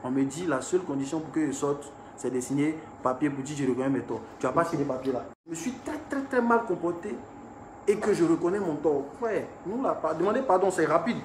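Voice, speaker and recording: A young man telling his viewers about an incident. He talks in an animated way and swings between hushed and raised speech. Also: a little high, brisk. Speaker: artist recounting an incident. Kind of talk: storytelling to viewers. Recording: echoey room with faint ambient noise.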